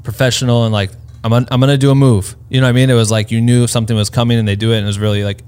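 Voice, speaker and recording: A man's voice: mid-range voice, fairly even intonation, very fast, darkish tone, clear, resonant tone. A man hosting a podcast interview, chatting loosely and enthusiastically, swearing freely and filling his talk with "like.". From Iowa, USA. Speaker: podcast host. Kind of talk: casual interview chat.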